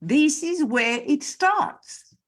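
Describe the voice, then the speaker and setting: Earnest higher-voiced woman teacher. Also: lively intonation, extremely slow. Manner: earnest, emphatic, repeats words for stress. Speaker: spiritual teacher. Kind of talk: conversational interview on a call. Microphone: video call.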